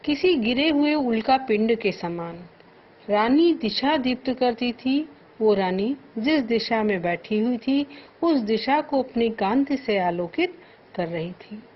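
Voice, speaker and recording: Slow, high-voiced woman teacher explaining poetry. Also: lively intonation, breathy edge. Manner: recites verses slowly, then paraphrases them in plain words. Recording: dull lo-fi audio with faint noise.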